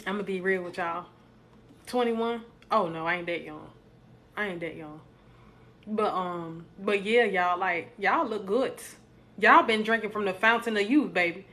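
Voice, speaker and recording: With a mid-range voice at a moderate pace, a woman on a casual live stream reads out comments from viewers and hypes her chat, sounding lively and playful.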